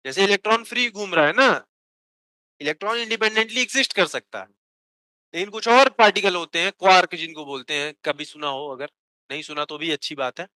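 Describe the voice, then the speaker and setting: Guy teaching physics class, high bright voice, asks q's then answers them himself. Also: no room sound, low-quality recording. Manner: dictates notes slowly word by word. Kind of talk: classroom lecture.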